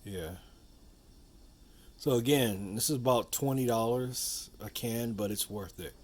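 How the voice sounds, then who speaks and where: This video host demonstrates a product with a mid-range voice at a measured pace. His casual, hands-on walkthrough wanders and circles back on itself, peppered with "you know."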